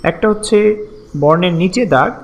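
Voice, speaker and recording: A man's voice: high voice, measured pace, vocal fry. A man teaching a lesson, explaining step by step and patiently repeating syllables for practice.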